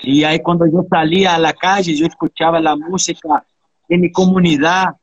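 Husky-voiced man in his thirties, earnest. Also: a little high, steady tone, normal speed, no echo, dull audio. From Brazil. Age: 30s. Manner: earnest, reflective, tags lines with questions. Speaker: interviewee, capoeira practitioner. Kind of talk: casual interview conversation.

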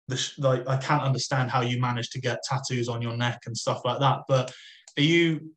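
A man interviewing a former teammate in casual chat, full of teasing banter. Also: mid-range voice. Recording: roomy echo.

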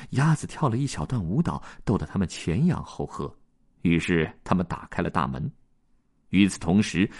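Man reading a kids story, super lively up and down voice. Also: sits low. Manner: lively, expressive narration.

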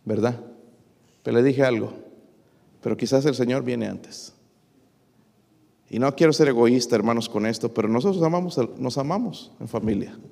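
A man's voice: creaky, darkish tone, long reverb tail. A middle-aged man preaching a sermon to his congregation, reading scripture verses aloud and calling them brothers, with frequent rhetorical questions. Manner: reads scripture aloud, rising in pitch and force on verses. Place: church.

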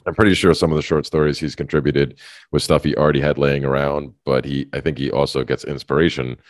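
A man with a very low, deep voice co-hosts a casual podcast, rambling and restarting his sentences as he goes. He laughs often. The sound is dry and close, with no room echo. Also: flat delivery, fast talker. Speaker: podcast co-host. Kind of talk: casual chat.

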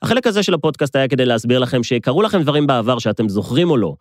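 A man's voice: mid-range voice, very animated, no echo, studio quality. A man with an Israeli accent hosting a motivational podcast monologue, speaking emphatically and straight to listeners with rhetorical repetition. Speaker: podcast host.

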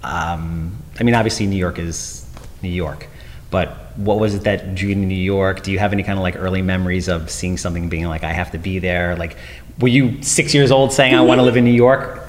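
A deep-voiced man hosts a podcast, chatting casually and upbeat in an interview while heaping playful compliments on his guest. He talks briskly, and a long reverb tail trails his voice.

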